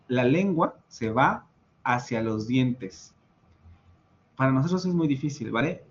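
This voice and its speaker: A man teaching an online English class, explaining patiently in Mexican-accented English and Spanish, with many fillers and repetitions. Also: mid-range voice. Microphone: video call. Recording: slightly muffled video call audio with faint noise.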